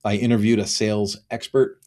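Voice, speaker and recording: A business consultant in his fifties talks alone to camera in a promotional piece. His warm, fairly low voice is delivered flatly and a little fast, and he earnestly repeats phrases for emphasis.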